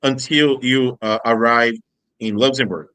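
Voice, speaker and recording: Bright, dry-sounding Brazilian man interpreting. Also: medium pitch, fairly even intonation, clear, resonant tone, no room sound. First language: Portuguese. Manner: halting, many fillers and restarts. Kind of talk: casual interview, translating.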